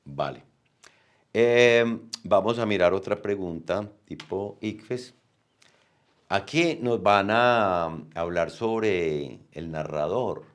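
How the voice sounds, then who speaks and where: Low-voiced man teaching. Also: takes it slowly. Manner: explanatory, frequent "¿cierto?" checks. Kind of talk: explaining reading exam questions.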